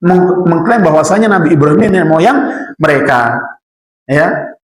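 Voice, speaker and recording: A man giving a religious lecture to a seated class. His voice sits a little high for a man and carries a noticeable room echo. He talks in a loose, conversational way and keeps turning to the listeners with rhetorical questions. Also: animated, normal speed. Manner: conversational, rhetorical questions, addresses audience as Pak. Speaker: Islamic teacher. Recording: echoey room.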